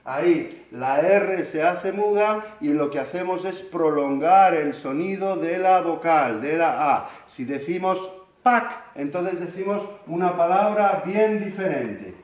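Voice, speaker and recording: A man from Spain with a Spanish accent, explaining English pronunciation slowly and demonstrating long vowels. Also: fairly high pitch, animated, a little mellow. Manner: slow, deliberate, stretches vowels to demonstrate. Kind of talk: explanatory video lesson. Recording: echoey room.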